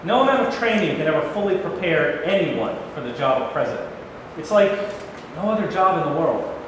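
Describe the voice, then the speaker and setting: A man's voice: fairly high pitch, animated, a little fast, lightly acted. A man playing a troubled, plain-spoken middle-aged president in a staged play reading. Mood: burdened. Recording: very echoey hall, noisy room recording.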